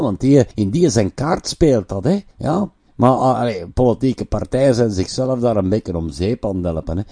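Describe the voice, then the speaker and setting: A man's voice: mid-range voice, mellow, no echo, clean studio sound. A man with a Flemish accent giving a casual, rambling monologue of opinions. He often ends his phrases with a questioning tag.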